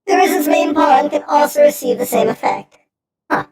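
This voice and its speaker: A woman's voice: high voice, normal speed, darkish tone. A woman game streamer giving casual commentary as she plays and reads game text aloud. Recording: echoey room, faint game music behind.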